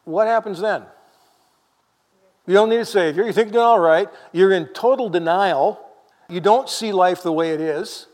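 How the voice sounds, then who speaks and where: A man preaching a sermon in a lively, conversational way, full of rhetorical questions to the congregation. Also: high-pitched, moderate pace, in a large hall.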